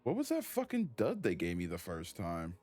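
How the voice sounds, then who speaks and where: A man streaming a video game, talking casually in a profane, excitable, exasperated way. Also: low voice, normal speed, soft background music. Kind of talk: casual gaming commentary.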